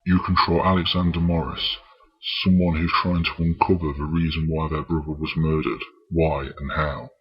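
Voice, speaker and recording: A man narrating a scripted retro video game review in a husky voice. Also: rumbling low, steady tone, moderate pace. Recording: dull, muffled lo-fi voice track.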